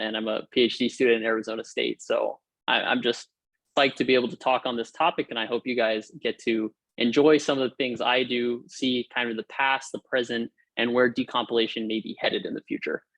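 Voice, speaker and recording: A young man from Hawaii, appearing as a guest lecturer, gives an upbeat, informal technical talk over a video call from a room at home or an office. His medium-pitched voice is a bit bright, he uses frequent fillers and restarts, and the recording is dry.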